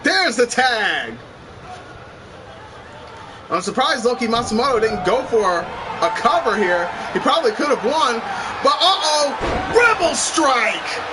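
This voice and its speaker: A man doing live play-by-play pro wrestling commentary, calling the action excitedly in short shouted bursts. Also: very high-pitched, normal speed. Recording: noisy live event with loud crowd.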